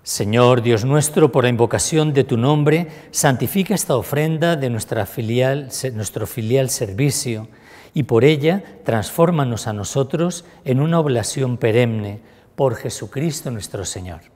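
A man, a priest, celebrating Mass, praying in a solemn, measured way in a church. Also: medium pitch, lively intonation, a little mellow. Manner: solemn, measured liturgical prayer. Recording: echoey church with long reverb.

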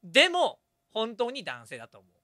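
A man hosting a game stream in an animated, teasing way and laughing often. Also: very high-pitched, moderate pace, dry recording, clean studio sound. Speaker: host.

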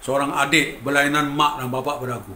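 A man's voice: medium pitch, flat delivery, quick pace, bright, forceful tone, slight background noise. A middle-aged Malaysian man with a Malaysian accent, a guitarist telling his own story in an emotional, emphatic way and often addressing the listener as "bang". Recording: roomy echo with faint ambience.

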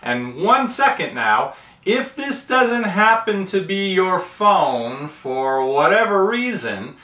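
Speaking slowly in a high-pitched, very animated voice that sounds pushed and bright, a man in his fifties works methodically through a tech tutorial. He hosts the channel and sits at a table in a small room where the sound echoes.

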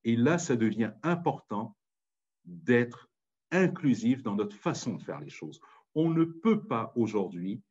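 Husky Parisian man giving a passionate talk. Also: mid-range voice, very animated, measured pace, darkish tone, highs cut off. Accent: Parisian French. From France. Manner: impassioned, emphatic, insistent. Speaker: speaker. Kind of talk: public talk on language and community.

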